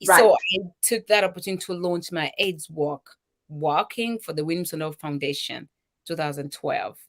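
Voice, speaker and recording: A middle-aged woman from Zambia with a Zambian accent, a charity founder telling her personal story in an emotional, animated way, acting out what people said. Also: sits low, moderate pace.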